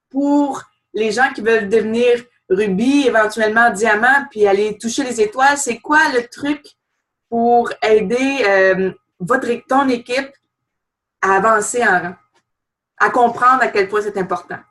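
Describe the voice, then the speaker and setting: A woman's voice: on the high side, a little slow, fairly bright tone. A woman hosting a team call, asking long, winding questions in a friendly, encouraging way. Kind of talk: casual chat, asking questions.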